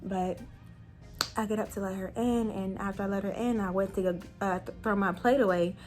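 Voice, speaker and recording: A young woman casually telling a personal story to her viewers, chatty and animated, full of fillers. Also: mid-range voice, fairly quick, faint music behind. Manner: chatty, animated retelling with many fillers and laughs.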